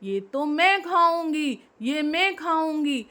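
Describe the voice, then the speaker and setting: A woman's voice: high voice, lively intonation, slow, bright, forceful tone, voice pushed up, heavily acted. A woman voicing two quarrelling female cats, whiny and squabbling, in a storybook telling.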